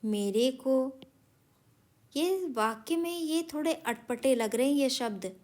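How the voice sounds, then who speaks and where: Slow, patient woman teaching children. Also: high voice, animated, darkish tone. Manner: patient, addresses children, spells out words slowly. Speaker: primary school Hindi teacher. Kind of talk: recorded classroom lesson for children.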